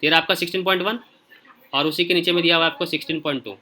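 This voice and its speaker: Bright-voiced man teaching casually. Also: a little high, fairly even intonation, very fast. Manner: informal, repeats "okay" often while scrolling through pages; speaks directly to students. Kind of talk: casual screen-share lesson.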